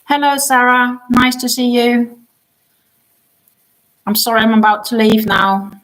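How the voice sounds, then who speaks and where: A Danish-speaking woman hosts a crochet livestream in casual chat, sounding tired after a long day. Her fairly high voice has little pitch movement, is a bit bright and a little slow, and she's chatty with many ums, trailing off and restarting, over a rough recording.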